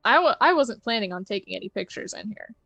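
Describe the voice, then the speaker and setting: A woman's voice: a little high, lively intonation, fast, creaky, a bit bright, no echo, dull audio. A woman playing a tabletop game, improvising her character's dialogue in a casual way. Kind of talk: casual improvised role-play.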